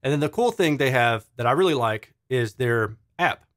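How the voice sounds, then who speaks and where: A man's voice: medium pitch, lively intonation, moderate pace, no room sound, studio quality. A man, father of a teenager, casually reviewing a speaker in a chatty, enthusiastic way and explaining technical terms. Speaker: audio reviewer.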